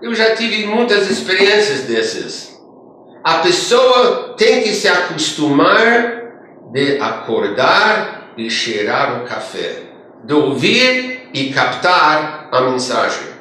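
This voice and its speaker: Male rabbi, high bright voice, slow measured lecture, recorded in a very echoey hall with faint room noise. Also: big pitch swings. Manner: storytelling, rising emphatic phrases then trailing off quietly. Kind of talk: religious lecture.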